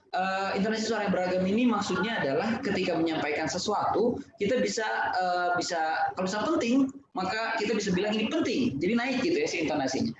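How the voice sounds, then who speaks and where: A man giving an online lesson on public speaking, explaining point by point with many fillers. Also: high voice. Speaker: webinar speaker. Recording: echoey, distant, dull and noisy.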